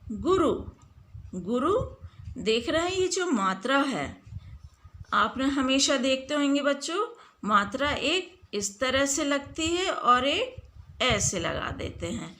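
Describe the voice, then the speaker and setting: Slow, lively-voiced woman teacher. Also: high-pitched, slight background noise. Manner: slow and deliberate, stretching words and asking the class questions. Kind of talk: classroom lesson on spelling.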